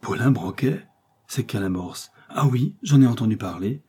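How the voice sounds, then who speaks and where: A man's voice: medium pitch, expressive, normal speed, mellow, husky. A man reading an audiobook, voicing a naive male disciple who speaks with wonder and deference. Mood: amazed. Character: naive admiring male disciple, easily amazed.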